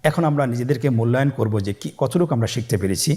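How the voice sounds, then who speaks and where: A man teaching beginners the Arabic letters in a recorded lesson, calmly saying each letter sound and pausing for students to repeat it. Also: medium pitch. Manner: slow, patient call-and-repeat drilling; stretches letter sounds long. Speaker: Quran teacher.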